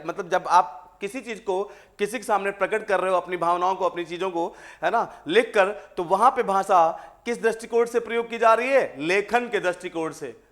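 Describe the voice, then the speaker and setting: A man teaching a grammar class in a high voice, asking questions again and again and answering them himself. He drags out the key words and swings between loud stresses and quiet asides. His steady drilling keeps the lesson moving. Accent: Hindi. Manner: repetitive call-and-response questioning, addresses students as "beta". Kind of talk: exam-prep grammar lesson.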